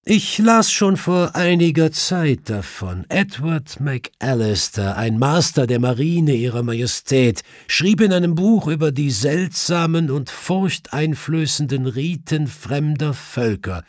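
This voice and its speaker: In an audiobook, a man voices a clever, self-assured male detective, explaining things with precision and a faint hint of mischief in an assured tone. His voice is a little high, pushed up, and lively in intonation, delivered slowly with hardly any pauses. The recording is dry and studio quality.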